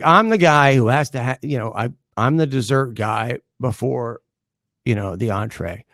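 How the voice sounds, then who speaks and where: A middle-aged man hosts a sports talk show from a close studio mic, in a gravelly, slightly creaky voice at an ordinary pitch. He talks in a sarcastic, animated way and chuckles as he goes. The sound is dry and close. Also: no echo. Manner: sarcastic, animated, laughs while talking.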